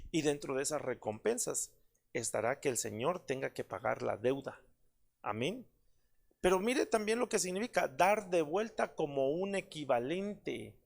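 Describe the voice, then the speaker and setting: A man's voice: on the high side, gravelly. A man, a pastor, preaching a prayer-service sermon in an earnest manner with many fillers and repeated calls to his listeners.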